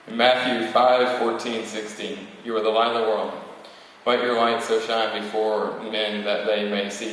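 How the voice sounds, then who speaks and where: Young man, student valedictorian, prepared podium speech, flat intonation, heavy hall echo, occasional stumbles. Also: lowish voice. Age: young adult, about eighteen. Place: large reverberant room, speaking to an audience. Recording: very echoey hall, distant mic, faint noise.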